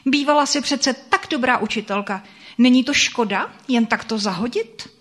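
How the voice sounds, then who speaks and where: A prying older schoolteacher who will not let a question drop, as a woman reading the story puts her on. She sits a touch higher in pitch than the narrator and presses every point. Her questions come quick and sharp. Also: natural voice. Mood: pressing. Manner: insistent, interrogating. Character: strict older female former teacher, sharp-tongued and probing.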